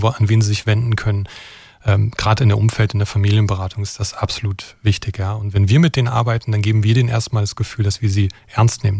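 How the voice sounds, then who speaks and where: Man, middle-aged, from brandenburg, quick delivery, lowish voice, dry close sound. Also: mellow, no room sound. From Brandenburg, Germany. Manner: explains in long runs, tags sentences with "ja". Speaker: expert guest from an extremism center. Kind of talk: conversational interview.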